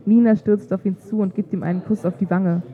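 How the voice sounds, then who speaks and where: A woman reading a literary story aloud in a calm, measured way. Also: medium pitch. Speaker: narrator. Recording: tinny phone-like sound.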